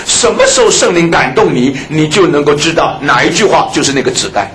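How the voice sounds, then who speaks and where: A man's voice: fairly high pitch, a little fast, slight background noise, low-quality recording. A man preaching a sermon, often turning to his listeners as brothers and sisters and repeating words for emphasis. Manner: animated, repeats phrases for emphasis.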